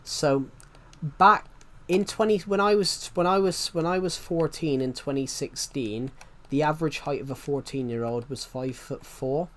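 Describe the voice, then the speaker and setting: This twenty-something streamer talks at an unhurried pace with few pauses, his voice on the high side. He chats casually and rambles, repeating each phrase once more before continuing.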